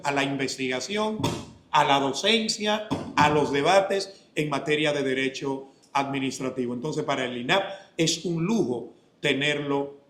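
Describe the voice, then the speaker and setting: A man from the Dominican Republic giving a formal welcome speech as an institute official, measured and exhortative. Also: on the high side, fairly bright tone. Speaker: institute official opening a seminar. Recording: echoey lecture hall.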